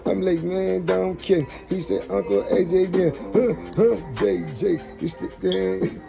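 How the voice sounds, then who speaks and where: A man's voice: high-pitched, measured pace, creaky. A man freestyle rapping over a beat, rambling and looping ad-libs. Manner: rambling, repetitive ad-libs and fillers. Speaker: rapper. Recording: loud beat under the voice. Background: music beat.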